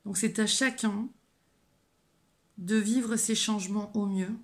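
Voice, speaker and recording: A woman working as a medium, giving a live oracle card reading, speaking haltingly with many restarts and gently encouraging her viewers. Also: mid-range voice, fairly even intonation. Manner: hesitant, halting, with frequent fillers and restarts. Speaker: medium and spiritual guide.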